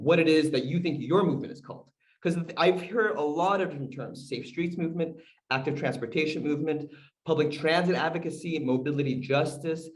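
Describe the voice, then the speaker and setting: Over a rough recording, a Korean-speaking-born community organizer from the United States addresses a video call audience. His mid-range voice stays conversational, full of fillers and questions to listeners.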